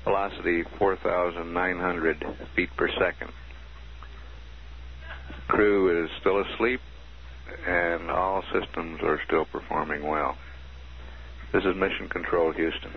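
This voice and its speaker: Formal mission status announcements come from a mission control commentator, a man whose very low voice stays steady, crisp, and measured as he lists figure after figure. The transmission sounds dull and muffled, like an old archival radio broadcast, with faint hiss in the background.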